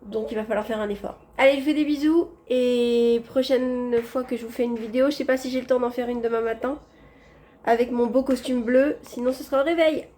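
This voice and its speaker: A woman's voice: a little high, steady tone, a little fast, warm tone, a little hiss or hum. A woman vlogging casually from a hospital room, chatting directly to her viewers on a handheld phone. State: tired after anesthesia. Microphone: phone held in hand.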